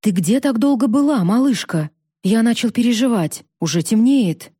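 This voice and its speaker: A woman's voice: on the high side, lively intonation, moderate pace, mellow, breathy edge, dry recording, studio quality. A woman voicing a worried village father who urges his family and neighbors to flee. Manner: urgent, pleading.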